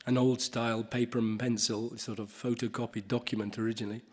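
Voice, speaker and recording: A man chairing a conference panel, talking off the cuff with halting restarts and the odd cough. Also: mid-range voice, little pitch movement, a bit bright, breathy edge. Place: conference hall.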